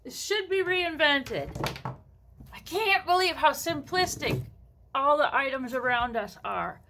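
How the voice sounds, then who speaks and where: A woman with a shrill, high-pitched voice giving a casual hands-on explanation in a home bathroom, with sweary, exasperated asides. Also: animated, measured pace, background noise.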